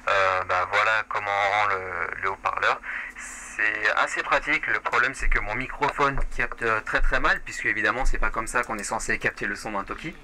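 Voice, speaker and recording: A man's voice: on the low side, steady tone, moderate pace, pushed and bright. A man casually testing gear, his voice heard over a walkie-talkie. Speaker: product reviewer. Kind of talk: casual product test. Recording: noisy, harsh walkie-talkie radio transmission.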